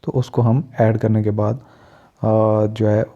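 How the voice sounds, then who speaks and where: Slow, dark-voiced male teacher. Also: fairly low pitch, level tone. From Pakistan. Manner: deliberate, lists example words one by one. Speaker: English teacher. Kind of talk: spoken pronunciation lesson. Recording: dull lo-fi recording.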